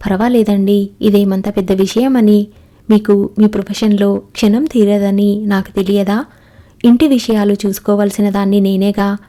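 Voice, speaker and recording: Soft young wife in a telugu storybook, read by a woman, mellow flat even voice, a bit teasing. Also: mid-range voice, moderate pace, close to an everyday voice. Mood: tender. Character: Radha, devoted young wife, gentle and homely.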